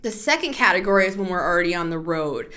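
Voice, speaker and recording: A woman hosting a casual solo podcast, short of breath and taking deep breaths as she talks in a chatty, rambling way. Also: lively intonation, fast talker, bright, forceful tone. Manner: chatty and rambling, with frequent "like" fillers. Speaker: podcast host.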